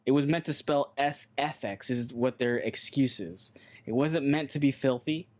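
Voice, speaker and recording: A man's voice: medium pitch, normal speed, a little mellow. Man, podcast co-host, casual chat, joking, swearing, repeats phrases.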